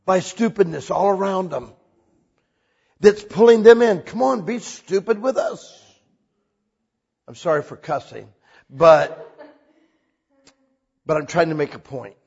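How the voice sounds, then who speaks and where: A man preaching a sermon in a church hall, animated and casual, mixing jokes into his message. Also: on the high side, gravelly, husky, muffled recording. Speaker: pastor.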